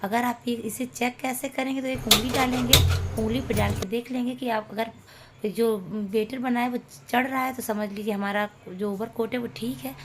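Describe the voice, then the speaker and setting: A woman's voice: fairly high pitch, fairly even intonation, moderate pace, noisy background. A woman, a mother of young children, chatting homely and playfully as she cooks in her home kitchen for her cooking channel. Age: adult, a mother of young children. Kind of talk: casual cooking vlog narration.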